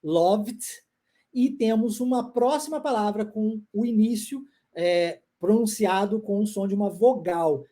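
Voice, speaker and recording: A woman with a Brazilian Portuguese accent teaching English pronunciation in a live online class, drilling phrases slowly and checking in with the learners. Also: mid-range voice, mellow.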